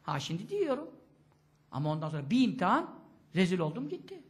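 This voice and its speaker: A man's voice: high-pitched, a little fast. A male preacher giving a sermon talk, telling stories with rhetorical questions. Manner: expressive storytelling, rhetorical questions.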